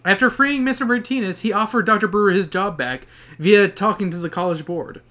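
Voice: medium pitch, fairly quick, sharp tone. A podcast co-host reading a kids' book aloud and chatting, swearing casually and correcting themself mid-sentence.

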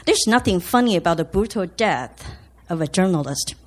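A woman's voice: lowish voice, animated, normal speed. A woman in her fifties from Taiwan, reading a serious personal essay on stage in an earnest way. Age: 50s. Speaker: storyteller and op-ed reader.

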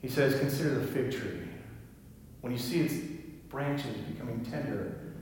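Gentle pastor preaching in an echoey hall. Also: male voice, medium pitch, moderate pace, far from the mic, a little hiss or hum. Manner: gentle, reflective, drops to quiet near-whispers. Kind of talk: sermon. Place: large church sanctuary.

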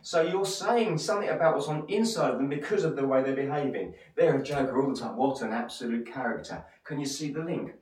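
A man's voice: a little high, fast, hardly any pauses, a little mellow. A man from Essex with an Essex accent giving an encouraging motivational sermon as a pastor, speaking straight to listeners with rhetorical questions and repeated phrases. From Essex, England. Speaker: church pastor. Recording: echoey room, distant microphone.

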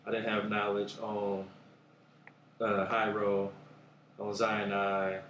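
A man with a Bay Area accent, a rapper talking casually in an interview, laid-back and rambling, often trailing off quietly. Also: lowish voice, completely flat delivery, takes it slowly, echoey room, slight background noise. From Oakland, California. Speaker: guest rapper.

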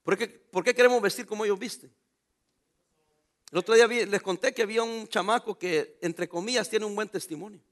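A man's voice: sits high, fairly quick. A middle-aged man, a pastor preaching a sermon with emphatic rhetorical questions to his congregation.

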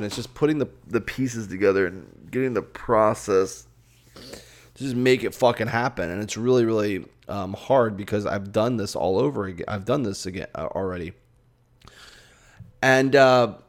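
Tired young man, solo podcast, rambling, frank, swears a lot, fairly low voice. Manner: rambling, frank, swears, many fillers and restarts. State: tired, yawning. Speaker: podcast host. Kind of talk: casual solo podcast monologue.

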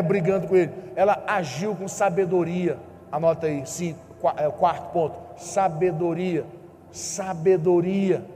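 Man, brazilian portuguese accent, pastor, animated preaching, high-pitched, long hall reverb. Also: a little hiss or hum. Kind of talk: sermon.

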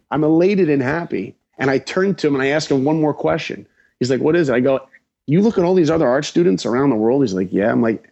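A man from New York, a guest animator, telling his story with lively acted-out dialogue. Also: medium pitch, vocal fry, lo-fi sound.

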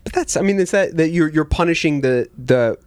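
A man's voice: a little high, animated, brisk, a little mellow, clear, resonant tone, dry recording, clean studio sound. A man co-hosting a comedy podcast, teasing and needling the others. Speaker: podcast co-host. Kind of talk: comedic banter.

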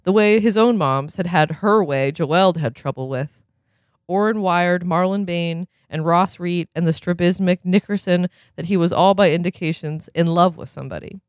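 A man's voice: high voice, moderate pace, dry recording, studio quality. A man, as a podcast host, reads a novel aloud expressively and then breaks off for casual chat full of fillers.

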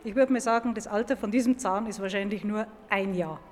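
A woman with a medium-pitched, darkish voice speaks fairly quickly in a large, echoing museum hall. She's a museum paleontologist and guest expert, explaining science to children in an informal, emphatic way.

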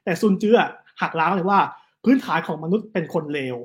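A man, telling history stories in a casual, animated chat. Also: high-pitched. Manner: animated, fast storytelling with quick asides. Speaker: guest storyteller on history.

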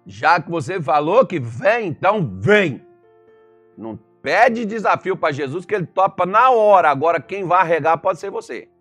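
A man's voice: high voice, moderate pace, faint music behind. A Brazilian man preaching as a pastor, telling stories and firing rhetorical questions. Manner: animated storytelling, rhetorical questions. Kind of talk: sermon.

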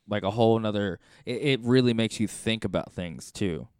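A man's voice: on the low side, brisk, darkish tone, smooth, dry recording, clean studio sound. A man co-hosting a casual gaming podcast, blunt and jokey, swearing freely. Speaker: podcast co-host.

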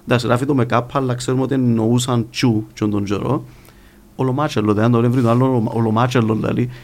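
A man with a Cypriot Greek accent appears as a guest linguist in an interview, talking conversationally and explaining points through examples. His voice is mid-range and darkish, with a steady tone.

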